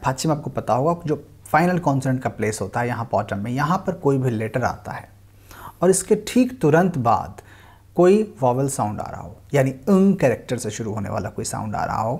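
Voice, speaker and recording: A man's voice: mid-range voice, warm tone, breathy edge. A man teaching a language lesson, patiently explaining and repeating example words, slipping English phrases into his talk. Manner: mixes English phrases into Hindi speech.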